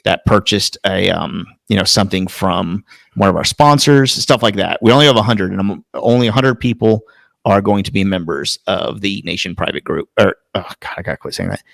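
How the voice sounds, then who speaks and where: A man with a lowish, gravelly voice rambles through casual podcast talk, swearing freely as he goes. The sound is dry and close. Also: a little fast, a bit bright, no room sound. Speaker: podcast co-host. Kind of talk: casual chat.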